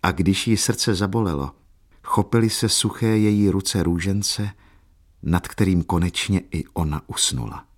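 A man with a very low, deep voice reads a classic novel aloud. His delivery is slow, solemn and measured, lingering over each phrase. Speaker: narrator. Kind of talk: audiobook reading of a classic novel.

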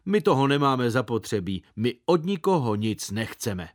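A man's voice: medium pitch, big pitch swings, lightly acted. A man voicing an indignant middle-aged uncle who speaks in a stiff, pompous and offended way in a storybook reading.

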